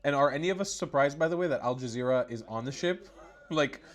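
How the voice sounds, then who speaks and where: A man's voice: medium pitch, fast. A man hosting his own channel, giving mocking, sarcastic commentary on news clips, often laughing and swearing. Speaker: political commentary host.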